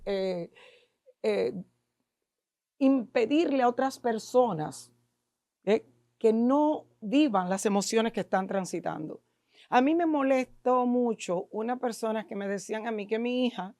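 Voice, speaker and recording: A woman's voice: fairly high pitch, warm tone, no room sound, clean studio sound. Emphatic Dominican woman guest, lecturing. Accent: Dominican Spanish. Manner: emphatic, lecturing with rhetorical questions. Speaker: guest expert in neuro-linguistic programming. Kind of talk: podcast interview explaining to an audience.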